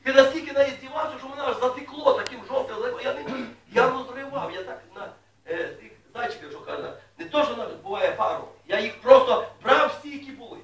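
A man preaching a sermon to his congregation in a folksy way, asking them questions and rising loudly when he reads scripture. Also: very high voice, fairly quick. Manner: folksy, asks the congregation questions, rises to loud reading. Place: church hall. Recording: echoey room, mic at a distance.

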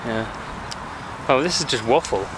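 A man's voice: mid-range voice, slow pace. A man chatting jokily on a casual vlog while walking through a park with a handheld camera. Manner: jokey, playful rambling. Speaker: vlogger. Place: outdoors in an urban park. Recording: noisy outdoor street recording. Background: traffic and city ambience.

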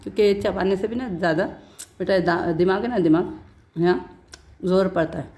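A woman's voice: lowish voice, mellow. A middle-aged woman vlogger talking casually to her viewers, telling a story between bites and calling them "beta". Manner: pauses while chewing.

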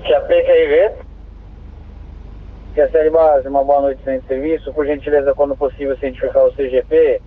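A medium-pitched male dispatcher with a Brazilian accent reads codes and numbers over two-way police radio with formal courtesy. His intonation is fairly even and his pace moderate, and the sound is tinny and narrow-band.

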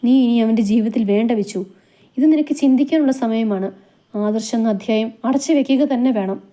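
A woman narrator reads a protective young man in a storybook, his lines earnest and consoling. The voice stays mellow, dark-toned and fairly high. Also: a little fast, close to an everyday voice.

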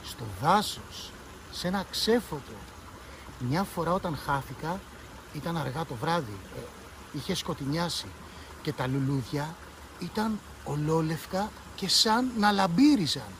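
A man voicing a gentle, soft-spoken young boy in a read-aloud story, speaking slowly and quietly. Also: animated, a little hiss or hum, low-quality recording. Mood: dreamy. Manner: slow, hushed, low-voiced.

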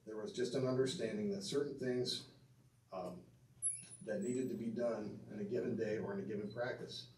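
Inducting his father into a hall of fame, a middle-aged man gives an earnest prepared tribute at a podium, his fairly low, slightly mellow voice keeping even intonation at normal speed as he reads notes, occasionally stumbles, and turns to the audience with asides. He is far from the mic, heard via a distant camera across a reverberant banquet room with a faint hum behind him.

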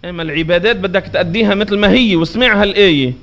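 A man's voice: sits high, a bit bright. A man giving a religious lecture, emphatic and drawing out words to show pronunciation. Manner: emphatic, drawn-out demonstrations of pronunciation. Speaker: preacher. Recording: dull lo-fi recording.

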